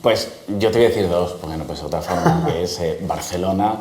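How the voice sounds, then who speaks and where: Middle-aged man, guest, deep voice, easygoing and hesitant, echoey room. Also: a little fast, darkish tone. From Spain. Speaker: guest, security executive. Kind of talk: casual conversational interview.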